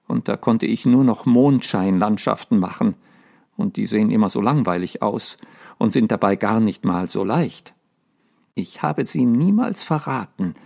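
A man voicing a bold young American girl who speaks in a brisk, cheeky, matter-of-fact way. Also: medium pitch, creaky, dark tone. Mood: indignant.

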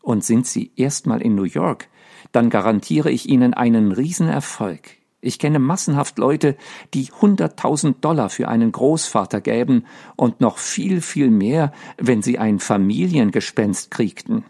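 A man's voice: mid-range voice, animated, vocal fry, warm tone. A man voicing a pert young American girl. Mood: cheeky. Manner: brisk, matter-of-fact, cheeky.

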